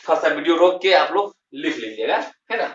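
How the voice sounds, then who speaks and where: A man teaching English grammar in a lesson, slow and emphatic, repeating key terms and answering his own questions. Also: a little high, expressive, fairly bright tone. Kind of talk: classroom lesson explaining grammar. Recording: roomy, distant, dull lo-fi sound.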